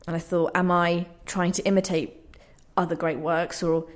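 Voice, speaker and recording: Speaking as a playwright on the radio, a woman with a slightly low voice explains her thoughts conversationally, earnest and reflective. Her delivery is flat and moderately paced.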